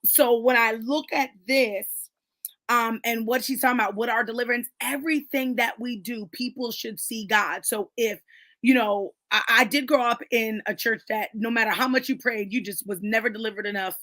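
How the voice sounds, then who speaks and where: A woman's voice: fairly high pitch, steady tone, normal speed, pushed and bright, dry recording. A woman in casual, emphatic conversation about faith at a book club, talking with lots of fillers.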